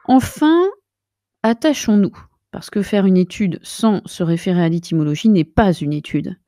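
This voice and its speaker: A woman's voice: medium pitch, moderate pace, mellow, dry recording, clean studio sound. Pompous woman in a mock lecture. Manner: pompous, lofty jargon, gets carried away; lecturing the viewer directly. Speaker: self-styled linguistics researcher. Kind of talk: mock-academic comic monologue.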